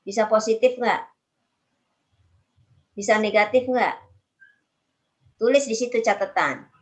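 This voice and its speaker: A woman's voice: fairly high pitch, takes it slowly. A woman lecturer teaching a university statistics class, often stopping to ask students questions and telling them to write things down. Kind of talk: university lecture on time series.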